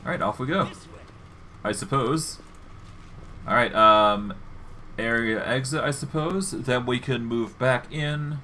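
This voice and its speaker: A man's voice: medium pitch, takes it slowly, long pauses, bright, forceful tone, slight background noise. A man streaming a game, casually narrating his own moves as he goes. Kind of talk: casual live gameplay commentary.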